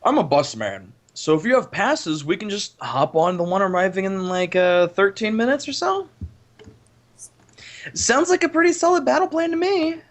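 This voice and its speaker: A man's voice: sits high, animated, moderate pace. A man doing a bubbly, chatty young buddy. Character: cheerful upbeat young male best friend. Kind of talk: amateur voice drama.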